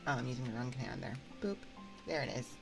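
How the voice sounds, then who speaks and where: A very deep, gravelly voice belongs to this fast-talking, expressive woman who hosts a livestream, rambling and giggling hesitantly with viewers. She uses a binaural 3Dio ASMR microphone with music behind her, and the audio is poor.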